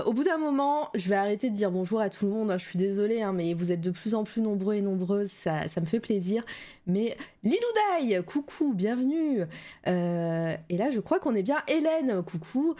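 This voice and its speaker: A woman's voice: a little high, warm tone. A woman hosting a live stream in a loose, chatty way, full of hesitations, with a slight frog in her throat. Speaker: livestream show host. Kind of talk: casual livestream chat, greeting viewers.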